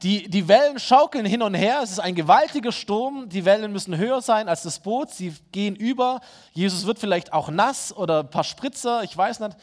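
A man's voice: sits high, animated, normal speed. A man preaching a sermon in a conversational way, speaking directly to his listeners and asking them rhetorical questions.

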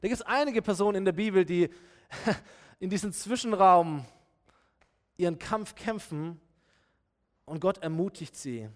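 High-ish male pastor preaching, lively, talks right to you. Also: measured pace, long pauses. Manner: animated, addresses listeners directly. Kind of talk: sermon.

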